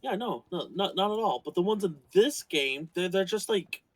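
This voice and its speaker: A man talks casually over a video game session, his voice sitting a bit higher than most. He rambles in animated bursts, stumbling over fillers as he hunts for the point. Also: normal speed, no echo, rough recording. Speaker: gaming co-host. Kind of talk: casual chat while playing a game.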